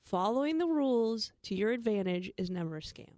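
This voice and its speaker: A woman co-hosting a financial talk show, explaining listener questions in a brisk, enthusiastic way. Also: medium pitch, expressive, mellow, dry recording, clean studio sound. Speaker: financial radio show co-host. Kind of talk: casual talk radio chat.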